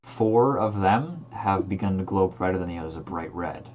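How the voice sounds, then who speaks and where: A man's voice: low-pitched, expressive, moderate pace, darkish tone, muffled recording. A man working as game master, narrating a fantasy tabletop game in an improvised, descriptive way.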